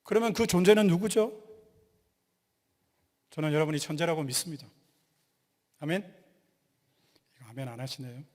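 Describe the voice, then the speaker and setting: A male pastor giving a lively sermon, quizzing the congregation and joking with them. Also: on the high side, normal speed, pauses often. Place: church sanctuary. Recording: long hall reverb.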